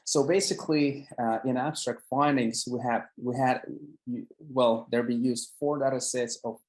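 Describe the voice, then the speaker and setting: A man's voice: mid-range voice, fairly even intonation, unhurried, poor audio. Hesitant man presenting a paper. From Finland. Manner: hesitant, many fillers and restarts. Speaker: medical student presenter.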